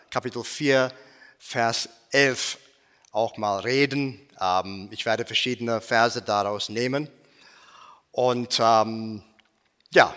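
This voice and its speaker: A man's voice: medium pitch, sharp tone. A man preaching as a guest speaker, hesitant, with many fillers and restarts. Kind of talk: sermon. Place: church. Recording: long church-hall reverb.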